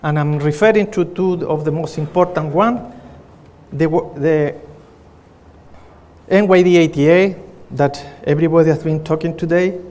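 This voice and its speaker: A man's voice: a little high, normal speed, a little mellow. A middle-aged man from Chile with a Chilean Spanish accent, giving an earnest conference presentation as a pathologist, with frequent fillers and restarts. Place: conference hall. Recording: reverberant conference hall.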